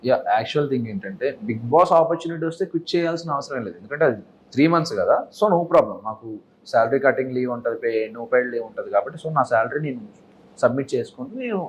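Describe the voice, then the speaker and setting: A man's voice: medium pitch, fast, dull audio, slight background noise. A young man being interviewed in a casual chat, talking earnestly and mixing English words into his Telugu. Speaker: interview guest.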